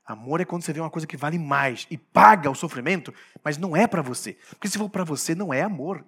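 A man preaching a sermon, emphatic, swinging between quiet asides and loud declarations, often asking the congregation rhetorical questions. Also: on the high side, fast, husky.

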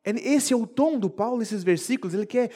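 A male preacher giving an expressive sermon, moving between hushed and emphatic delivery. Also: extremely high pitch, fairly quick, husky.

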